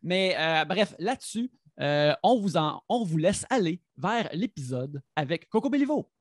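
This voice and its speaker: Québécois guy with a high voice, co-hosting, lots of euhs. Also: very animated, a little slow, slight background noise. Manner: hesitant, many fillers, friendly. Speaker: podcast co-host. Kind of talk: casual chat on a live podcast.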